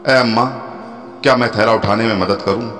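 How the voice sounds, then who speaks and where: A man voicing a gentle, humble young man who speaks softly and slowly to an elderly woman. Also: lowish voice, steady tone, pitched above the performer's own voice, natural voice. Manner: soft, slow and tender. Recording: long hall reverb with soft music.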